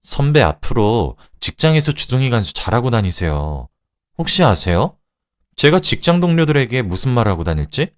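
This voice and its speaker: A man voicing a composed young woman who speaks calmly but with cutting scorn, in a radio drama reading. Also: lowish voice, normal speed. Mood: coldly cutting. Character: cold, composed young woman taking revenge.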